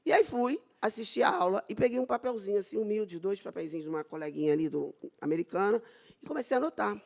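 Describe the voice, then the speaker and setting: A middle-aged woman with a Brazilian Portuguese accent tells her own story from a stage. Her pitch swoops widely as she acts out the dialogue, and her voice has a gravelly fry. She talks with open, faith-filled zeal. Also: expressive, fast talker, darkish tone. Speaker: dermatologist giving a talk. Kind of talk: personal testimony talk on stage.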